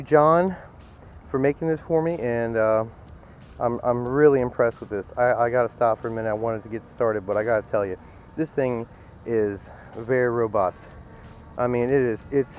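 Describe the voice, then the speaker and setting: A man's voice: mid-range voice, moderate pace, dull audio, slight background noise. A man vlogging as he metal detects on a sand beach at dawn, chatting to viewers and often exclaiming. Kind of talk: casual narration to camera while detecting.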